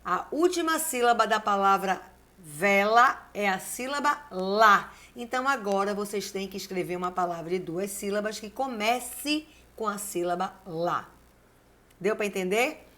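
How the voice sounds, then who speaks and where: A woman, a teacher giving a video lesson, who dictates slowly and repeats key words syllable by syllable while encouraging her class. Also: mid-range voice, animated, bright, forceful tone. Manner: encouraging, addresses the class directly. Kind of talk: video lesson with word exercises.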